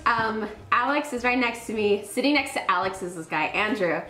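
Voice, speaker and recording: Recounting something that happened to her, a woman speaks at a normal speed in an animated, pushed, bright medium-pitched voice, acting out remembered reactions as she goes. The recording is reverberant and the audio quality is poor.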